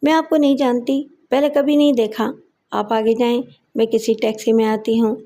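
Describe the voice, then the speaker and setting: A hot-tempered wife flings taunts and insults in an audio story, voiced by a woman narrator. The voice sits slightly high with a mellow, soft tone. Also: little pitch movement, natural voice. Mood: wary. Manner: shouting, scornful taunts.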